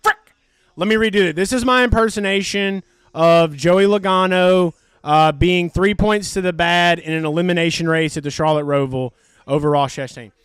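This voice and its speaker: Excitable, high-voiced male race streamer. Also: moderate pace, clear, resonant tone, dry recording, studio quality. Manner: excitable, profane, jokey. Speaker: live stream host. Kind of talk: live race commentary.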